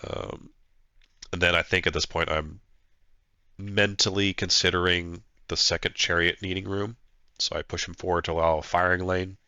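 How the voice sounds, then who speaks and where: A man with a flu-stuffed nose and a nasal voice thinks aloud through his own tabletop battle in casual play-by-play, hesitating with plenty of fillers. His voice sits low, pushed and bright, with a flat delivery and a moderate pace. The recording is muffled, though without echo.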